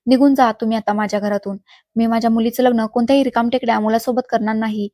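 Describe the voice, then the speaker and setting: A woman's voice: fairly high pitch, fairly even intonation, quick pace, warm tone, no echo, studio quality, lightly acted. A woman voicing a stern, angry father who gives curt commands.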